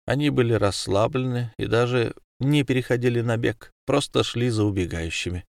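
A man narrating an audiobook in a steady, measured way. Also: medium pitch, gravelly, dry recording, clean studio sound. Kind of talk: scripted narration.

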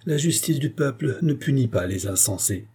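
This is a commanding revolutionary judge in an audiobook, declaring each ruling with authority, as the narrator raises his voice for him. The tone stays dark and a little husky. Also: mid-range voice, animated, normal speed, voice pushed up. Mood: stern. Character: stern male tribunal president, commanding.

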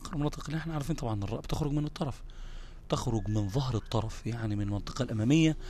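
A man's voice: medium pitch, racing, mellow. A man with an Egyptian Arabic accent teaching Quran recitation in a live online lesson, explaining patiently, repeating terms and checking in with his listeners.

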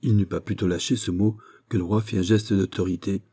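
A man reading a classic novel aloud as an audiobook narrator, in a measured, steady way. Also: sits low, slightly rough. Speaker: audiobook reader. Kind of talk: scripted narration.

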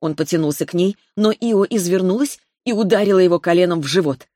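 A woman with a lowish voice narrates a fantasy audiobook. She reads at a steady, measured pace. The recording is dry and close, with no room sound. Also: no room sound.

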